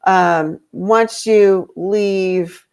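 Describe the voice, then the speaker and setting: A woman's voice: medium pitch, fairly even intonation, extremely slow, darkish tone, clean tone. A woman talking casually as a podcast guest, rambling with lots of fillers and restarts. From grew up in Europe. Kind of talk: casual conversation.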